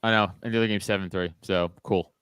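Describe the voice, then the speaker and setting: A man's voice: low voice, steady tone, fast talker, fairly bright tone, clear, resonant tone, no echo. A man co-hosting a casual podcast with friends, joking and mocking in a profane, exaggerated way. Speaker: podcast co-host. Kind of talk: casual banter among friends.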